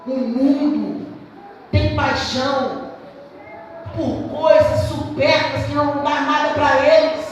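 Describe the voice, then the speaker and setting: High-voiced Brazilian woman preaching in echoey hall. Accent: Brazilian Portuguese. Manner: emphatic, repetitive, rhetorical questions to the congregation. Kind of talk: sermon. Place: church hall. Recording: echoey church hall, distant mic, faint noise.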